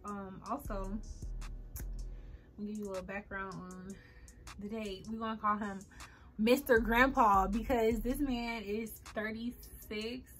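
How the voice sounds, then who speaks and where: A woman's voice: medium pitch, fairly even intonation, a little slow, soft background music. A woman of twenty-four, chatting casually and rambling with lots of ums and likes while getting ready on camera. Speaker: beauty vlogger. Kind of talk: casual get-ready-with-me chat.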